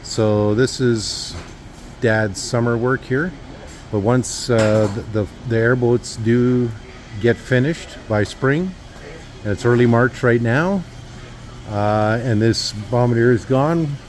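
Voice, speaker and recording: A man's voice: mid-range voice, slow pace, slight background noise. A man giving a casual walkthrough of a repair shop, rambling with lots of uhs and restarts. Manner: rambling, filler-heavy, with restarts. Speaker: vlogger giving a shop update.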